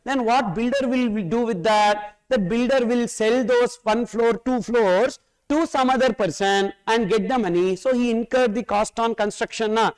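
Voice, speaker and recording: A tax course teacher with a very high, clean-toned voice and a South Indian accent lectures at a moderate pace with hardly any pauses, captured in low quality. Emphatic and repetitive, he repeats phrases and answers his own questions.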